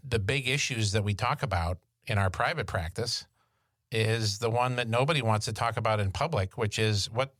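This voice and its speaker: A man's voice: mid-range voice, fairly bright tone, dry recording. A man co-hosting a financial podcast in casual chat, with dry, sarcastic quips. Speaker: podcast co-host.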